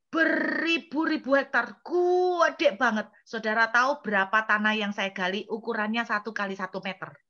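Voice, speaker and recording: A woman evangelist preaching in a lively, humorous storytelling style, talking straight to her congregation. Her voice is bright and forceful. The recording is dull and lo-fi. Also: fairly high pitch. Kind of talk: storytelling sermon.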